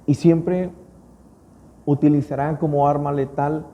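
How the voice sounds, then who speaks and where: A man's voice: a little high, fairly even intonation, a little slow, lo-fi sound. A man pastor with a Mexican accent, preaching a sermon as a storyteller who builds to emphatic peaks. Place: church. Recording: long church-hall reverb.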